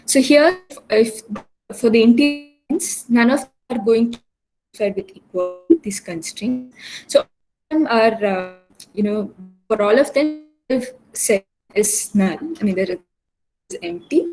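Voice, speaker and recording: A woman lecturing an online class over a video call, in a halting way with many fillers and restarts, her audio choppy and uneven in volume. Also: fairly high pitch, expressive, music in the background, low-quality recording. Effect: choppy audio with uneven volume cutting in and out. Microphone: computer mic on an online video call.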